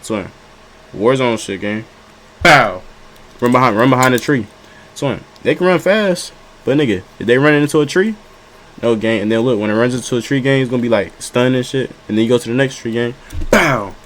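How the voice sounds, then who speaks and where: A man's voice: mid-range voice, a little fast. A man giving casual reaction commentary, joking and rambling in slang and repeating himself. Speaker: streamer reacting to videos.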